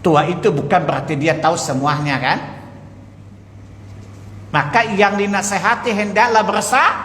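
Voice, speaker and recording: In an echoey mosque hall, a man with a rather high voice preaches a sermon at a slightly slow pace, with a little hiss or hum on the recording. His delivery is lively storytelling: he acts out dialogue and asks his listeners questions.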